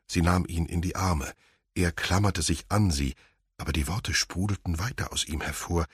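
A man reading an audiobook in a measured, even scripted narration. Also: sits low, slightly rough, no echo, studio quality.

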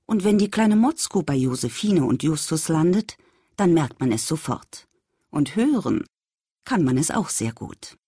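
A woman reading a children's story aloud, speaking gently and addressing the young listener directly. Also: deep voice, very animated, unhurried, breathy edge, no room sound, studio quality.

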